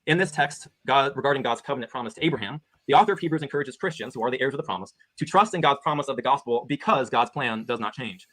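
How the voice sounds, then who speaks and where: A man of middle pitch rattles through a prepared debate argument at a very fast pace. He reads scripture aloud and argues steadily. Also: lively intonation, a bit bright.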